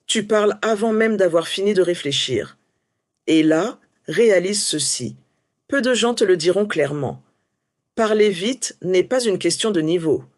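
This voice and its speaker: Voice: mid-range voice, no echo, clean studio sound. A French teacher delivering a scripted motivational lesson, coaching the listener with many rhetorical questions.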